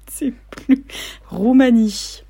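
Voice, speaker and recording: A woman's voice: on the high side, very slow, gravelly, mellow, breathy edge. A woman taking part as a guest, giggly and unsure as she guesses.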